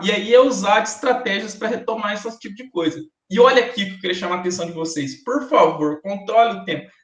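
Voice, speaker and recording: A man with a Brazilian Portuguese accent giving a university classroom lecture, chatty and joking with students. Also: sits high. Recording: echoey classroom recording.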